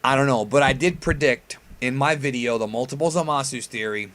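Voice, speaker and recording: In a mid-range, fairly bright voice, a man reacts to an anime preview as the host of a reaction video. He speaks like a casual fan, using informal slang with a bit of swearing.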